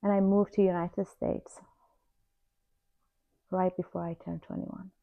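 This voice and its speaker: A woman in her forties from Iran, slowly and earnestly telling her life story to the camera. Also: on the low side, flat delivery, vocal fry. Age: 40s. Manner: slow, reflective, heartfelt. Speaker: vlogger. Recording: slightly dull lo-fi sound.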